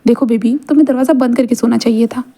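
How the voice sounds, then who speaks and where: A woman's voice: on the high side, steady tone, fast, mellow. A woman voicing a middle-aged mother who keeps probing and teasing her son.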